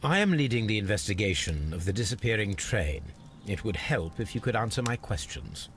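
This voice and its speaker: A man's voice: on the low side, sing-song, fairly quick, a bit bright, a little hiss or hum. An actor playing a composed male detective who questions witnesses politely and formally in a video game. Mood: calm inquiry. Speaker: investigator.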